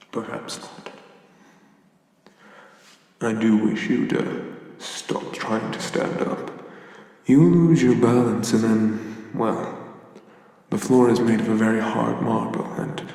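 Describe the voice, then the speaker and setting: A man with an Irish accent playing an old giant god of the hunt in a soft whispered role-play, measured and formal, courteous with quiet menace. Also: mid-range voice, vocal fry. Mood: courteous, wistful. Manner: slow, measured, formal, condescendingly gentle giant. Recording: echoey hall-like reverb, somewhat distant.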